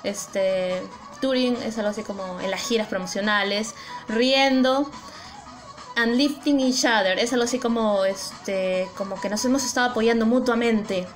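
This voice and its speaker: A young woman vlogging in casual chat. She translates posts for her viewers and gushes excitably, with lots of giggling. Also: on the high side, unhurried, soft background music. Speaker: fan vlogger.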